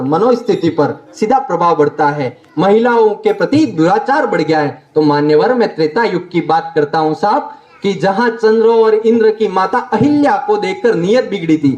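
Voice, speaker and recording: A man's voice: high-pitched, expressive, moderate pace, darkish tone, highs cut off. A young man in his late teens, a student debater giving a formal speech, declaiming and repeating phrases for emphasis. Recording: roomy echo.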